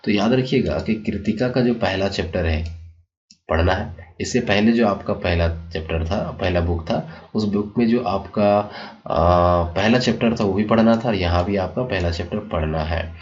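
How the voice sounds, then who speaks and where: On a dull, lo-fi recording, a teacher with a low-sitting voice and moderate pace explains the school syllabus to his students. He addresses the children warmly and often pauses to check with "ठीक है," or "okay."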